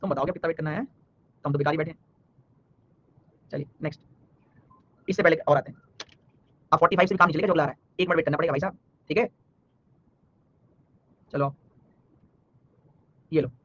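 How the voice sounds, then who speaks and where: A man teaching a live online reasoning class, talking fast and teasing and scolding his students by name. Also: a little high, lo-fi sound. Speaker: online exam-prep teacher.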